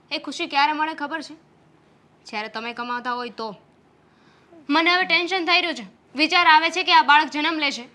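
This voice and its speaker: A high, bright voice of a young wife in a family drama film. She talks in an insistent, scolding way, pressing her husband about responsibility. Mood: worried. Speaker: actor as the wife. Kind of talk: Gujarati short film acting.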